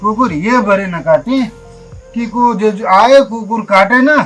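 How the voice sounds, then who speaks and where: A man's voice: high-pitched, slow, a bit bright, soft background music, low-quality recording. A man playing a drunk, boastful, quarrelsome rural uncle in a comedy sketch, rambling and arguing with an Awadhi accent. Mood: boastful lecturing. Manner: drunken, rambling, argumentative talk. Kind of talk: village comedy sketch acting.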